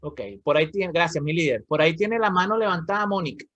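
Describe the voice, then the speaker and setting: Venezuelan man, discussion leader on a video call, slightly high voice, dry and somewhat dull sound. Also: quick pace, no echo. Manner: lively, explanatory, often checks in with "¿ok?". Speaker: reading club leader. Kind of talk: moderating an online reading discussion.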